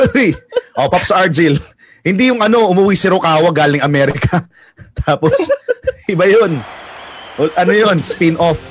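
A man's voice: sits high, expressive, normal speed, long pauses, breathy edge. A man hosting a casual group chat about anime, joking and laughing often. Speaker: podcast host.

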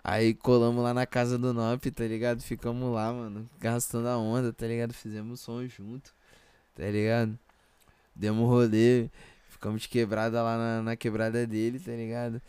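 A young man with a Brazilian Portuguese accent, a rapper appearing as a podcast guest, tells anecdotes in casual, slangy chat packed with verbal tags. His medium-pitched voice is monotone, smooth and a little mellow, at normal speed, with no room sound.

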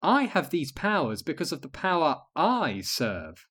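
A man voicing a serene, dreamy witch who speaks slowly and calmly. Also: a little high, slightly rough, pitched above the performer's own voice, full character voice. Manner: slow, soft-spoken, serene.

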